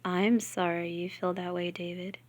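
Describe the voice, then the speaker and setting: A woman voicing a cold, calm and condescending male ship computer in a novel reading. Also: on the low side, close to an everyday voice. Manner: quiet, measured, condescending.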